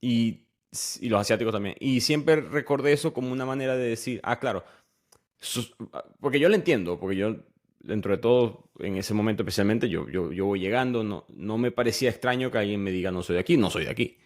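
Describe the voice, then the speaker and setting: Speaking briskly in a voice on the low side, a young Venezuelan podcast host chats through a casual interview. He tends to restart his sentences as he goes.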